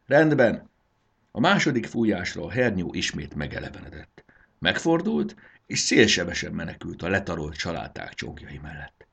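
A man narrating a children's story in an expressive, animated reading. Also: low-pitched, vocal fry, breathy edge.

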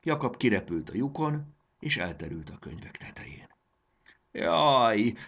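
A man's voice: lowish voice, very animated, fairly bright tone, husky, dull audio. A man narrating a children's storybook expressively, voicing the characters.

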